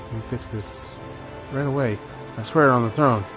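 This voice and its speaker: A man's voice: mid-range voice, normal speed, close to an everyday voice. A man voicing a hulking warden officer, formal, grim and nervously deferential, in a game read-aloud. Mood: anxious, deferential. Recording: music behind the voice.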